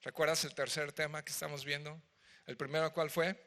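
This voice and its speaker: A man with a Mexican Spanish accent preaching a verse-by-verse sermon, expressive and chatty, acting out the voices of the story with asides to the congregation. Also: fairly high pitch, a little fast. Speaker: pastor. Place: church hall. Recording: church hall reverb.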